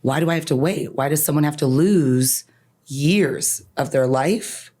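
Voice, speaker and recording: Low-voiced and dark in tone, she speaks at a measured pace. The podcast guest, a woman attorney raised in Canada whose first language is Farsi, reflects on her life with earnestness and emphasis, habitually ending points with "right?"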